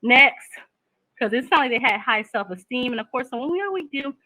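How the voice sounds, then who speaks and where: Woman in her 30s, chatting casual, laughs a lot, sharp bright voice. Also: high-pitched, animated, brisk, no echo, poor audio. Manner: candid and chatty, laughs often. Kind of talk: casual chat.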